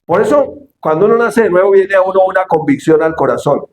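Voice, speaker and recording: Animated pastor preaching in an echoey hall. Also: male voice, sits high, fairly quick. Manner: animated, shouts quoted lines, asks the congregation questions. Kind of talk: sermon. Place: church hall.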